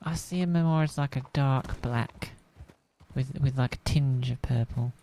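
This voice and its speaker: A woman's voice: a bass voice, measured pace, mellow, slight background noise. A woman speaking in character in a roleplay game, rambling and worried. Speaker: roleplay gamer.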